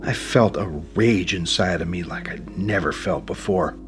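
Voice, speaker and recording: A man narrating a novel in the first person, in a plain, steady storytelling manner. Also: sits low, normal speed, music in the background. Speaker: audiobook narrator.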